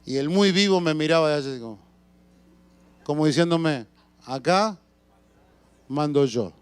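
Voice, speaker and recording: A man preaching a sermon as a pastor, telling stories with shouts and sound effects and asking the congregation questions. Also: a little high, lively intonation, a little fast, smooth, no room sound. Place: church.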